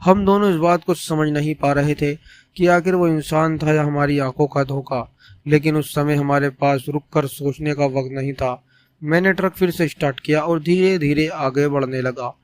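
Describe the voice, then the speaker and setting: A man telling a scripted first-person horror story in a steady, suspenseful way. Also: a little high, moderate pace, clean tone, no echo.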